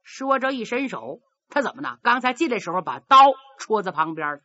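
A woman telling a traditional story in a lively, dramatic manner, voicing every character herself. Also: medium pitch, brisk. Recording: dull lo-fi recording.

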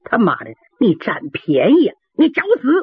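A woman storyteller voicing a rough, short-tempered male gate soldier who barks his questions, on a dry, phone-like recording. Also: high-pitched, huge pitch swings, normal speed, no echo, voice pushed up, full character voice. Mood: barking. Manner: barking, rough.

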